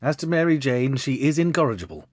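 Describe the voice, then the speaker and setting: A good-natured gentleman doctor played by a man reading aloud in a classic storybook. He sounds astonished and baffled, his pitch leaping about as he protests. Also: sing-song, fast talker. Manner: exclamatory, baffled. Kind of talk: storybook character dialogue.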